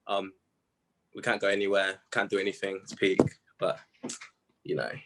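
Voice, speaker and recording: Over a video call with some background noise, a young man from Zimbabwe, a musician guest, chats easily in a casual interview. His low voice stays monotone at a moderate pace, though his manner is slangy, relaxed, and full of laughter.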